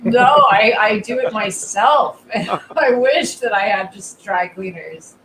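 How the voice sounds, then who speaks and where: A woman's voice: mid-range voice, takes it slowly, over a noisy crowd. A young adult woman, a podcast guest, chatting frankly and bluntly with frequent laughs. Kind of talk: casual chat. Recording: echoey room with faint hum.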